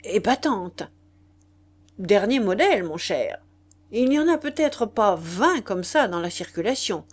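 A woman reading aloud and voicing a boastful, smooth-talking aristocratic marquis with emphatic bluster. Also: sits high, very animated, a little slow, exaggerated voice.

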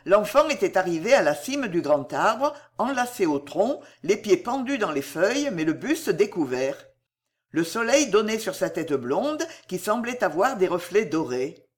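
A narrator reading a war story aloud with an expressive, dramatic delivery. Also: medium pitch.

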